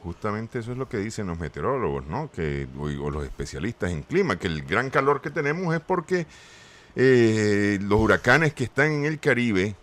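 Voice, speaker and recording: A man's voice: on the low side, big pitch swings, normal speed, fairly bright tone. A man with a Nicaraguan Caribbean-region Spanish accent, co-hosting a live current-affairs discussion on radio. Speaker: radio show co-host.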